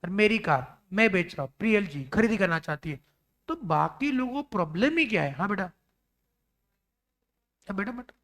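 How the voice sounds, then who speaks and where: A man's voice: sits high, animated, moderate pace, pauses often, fairly bright tone. A man teaching a law lecture in a classroom, acting out little scenes and talking with students, mixing in English terms.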